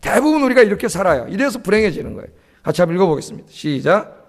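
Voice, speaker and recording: A man's voice: sits high, very animated, rapid-fire. A man preaching a Sunday sermon as pastor. He often puts questions to the congregation, answers them himself, and adds a questioning "예?". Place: church sanctuary.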